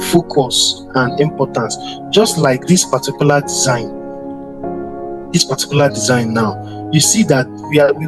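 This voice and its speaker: Male instructor, slightly high voice, halting lecture, music bed loud under him. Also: poor audio. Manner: repeats words and restarts, addresses students directly. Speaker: design instructor. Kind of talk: classroom lecture on slides. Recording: voice over strong background music.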